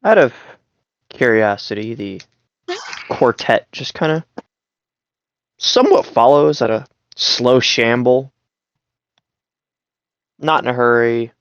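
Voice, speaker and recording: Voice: medium pitch, animated, takes it slowly, long pauses, clear, resonant tone, dry recording, lo-fi sound. Sleepy, rambling tabletop player. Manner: rambling, hesitant, drowsy. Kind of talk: describing character actions in a tabletop game.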